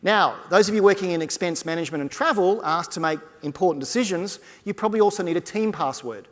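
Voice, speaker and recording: A man gives a keynote from a conference stage, speaking with energy and addressing the crowd directly. His voice sits a little on the high side. It carries a long hall reverb. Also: quick pace.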